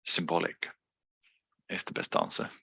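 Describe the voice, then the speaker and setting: A native Swedish speaker from Sweden gives an online lecture, explaining things with frequent fillers and restarts. His voice is unhurried, pushed and bright, with no echo.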